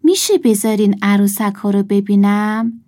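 A woman voicing a calm young man in a storybook, speaking plainly. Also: mid-range voice, lightly acted.

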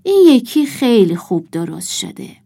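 Woman playing a calm young man. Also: a little high.

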